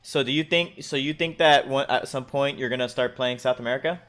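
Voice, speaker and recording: A man co-hosting a casual gaming podcast, animated and teasing, sometimes acting out silly voices. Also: medium pitch, fairly quick. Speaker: podcast co-host. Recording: faint music bed behind.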